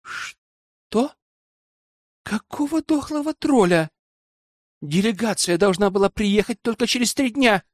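A flustered, hoarse rector snapping at everyone around him, as a male reader puts him on. The voice sits high and swings widely in pitch, and the sound is dry and close. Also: animated, takes it slowly, long pauses, dry recording. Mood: alarmed. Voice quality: strained, hoarse. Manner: exasperated, snapping. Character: flustered rector, man trapped in a girl's body. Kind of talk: audiobook character voice.

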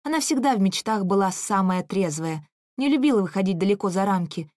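A woman's voice: medium pitch, animated, brisk, a little mellow, no room sound, clean studio sound. Woman reading a story aloud. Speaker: narrator. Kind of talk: first-person story reading.

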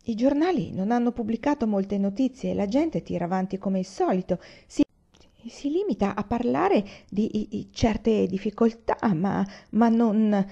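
A woman's voice: medium pitch, moderate pace, vocal fry, mellow, muffled recording, pitched above the performer's own voice. A woman reading the part of a timid young man who hesitates and stammers, in an audiobook reading. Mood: stammering.

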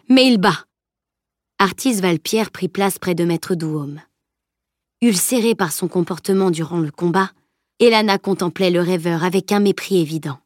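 A woman narrating an audiobook in a measured, even storytelling voice. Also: lowish voice, no echo, studio quality.

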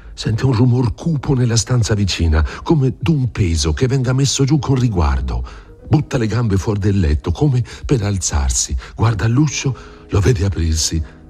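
A man reading a classic novel aloud in a measured, expressive narration. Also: lowish voice. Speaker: audiobook reader. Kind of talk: dramatic literary narration.

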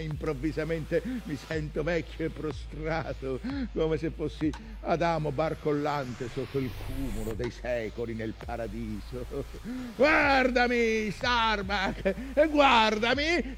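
Slow, high-pitched, anguished old Captain Ahab. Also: male voice, animated, fairly bright tone, slight background noise, full character voice. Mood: weary, bitter, then anguished, exhausted. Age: older. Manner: declamatory, anguished, swinging from murmurs to cries. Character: weary, obsessed old whaling captain, brooding and defiant. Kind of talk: theatrical stage monologue.

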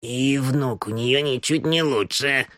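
A man's voice: medium pitch, animated, measured pace, a bit bright, no echo, studio quality, voice pushed up. A man doing a whining old gin-soaked landlady. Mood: plaintive. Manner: plaintive, whining. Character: old gossipy gin-drinking landlady woman.

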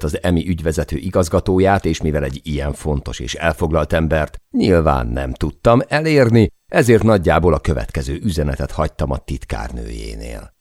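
A man reads a memoir audiobook in a steady storytelling way. His voice is extremely deep and gravelly, and his pitch moves a lot. The recording is dry and close. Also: no room sound. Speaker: audiobook narrator. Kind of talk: scripted memoir narration.

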